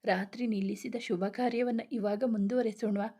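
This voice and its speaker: A woman's voice: mid-range voice, steady tone, normal speed, dark tone, close to an everyday voice. A woman voicing a teasing young husband. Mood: playful. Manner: teasing, coaxing. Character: playful affectionate young husband.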